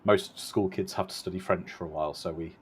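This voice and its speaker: A man's voice: low voice, steady tone, fairly quick. A man from the UK chatting casually and wryly during a watch party. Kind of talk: casual chat.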